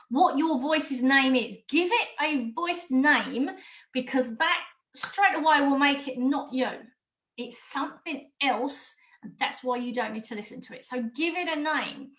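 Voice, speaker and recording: A woman gives an online coaching lesson in a high, bright voice. She is direct and emphatic and drives her points home by repeating them. The sound is roomy and echoey. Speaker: mindful eating coach. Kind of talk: online course talk.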